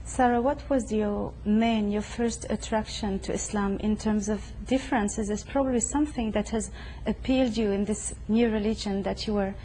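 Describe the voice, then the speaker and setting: A woman hosting an interview in a private home, asking formal, measured questions. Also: mid-range voice, fairly even intonation, mellow, slight background noise, low-quality recording. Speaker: host. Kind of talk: studio-style interview.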